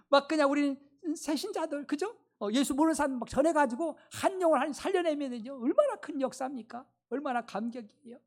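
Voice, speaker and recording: A woman pastor giving an emphatic, exclamatory Sunday sermon with many fillers, then praying in soft, low tones. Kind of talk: fervent Sunday sermon and prayer.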